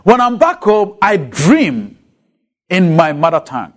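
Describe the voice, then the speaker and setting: A Ghanaian man with a high, very animated voice speaks a little slowly in a Ghanaian accent, English not being his first language. He is teaching a lecture on a letter from the Bible and putting rhetorical questions to his listeners.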